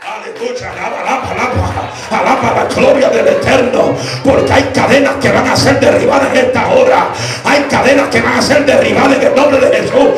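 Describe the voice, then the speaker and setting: Male pastor, high-pitched, fervent testimony sermon, hushed to shouting, echoing church with soft music behind. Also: steady tone, fairly quick, crowd noise. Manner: swings from hushed storytelling to shouted exhortation. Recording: echoey church hall with music underneath.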